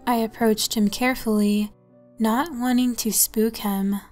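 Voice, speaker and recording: A woman narrating a horror story in the first person, with a soft, calm delivery. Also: a little high, a little slow, soft background music.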